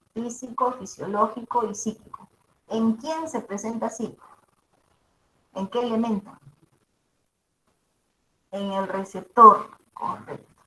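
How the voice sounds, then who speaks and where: A woman's voice: fairly high pitch, a little hiss or hum. A woman teacher with a mezzo-soprano voice gives a classroom lecture, checking in with her students after each point. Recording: echoey room.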